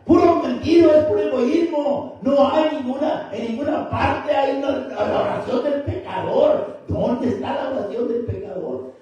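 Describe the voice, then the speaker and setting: A man with a strikingly high yet mellow voice preaches an emphatic sermon, turning again and again to his listeners as brother. He is recorded from a distance in a very echoey church hall. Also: a little slow, lo-fi sound. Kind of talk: Spanish-language church sermon. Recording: very echoey hall, mic far off.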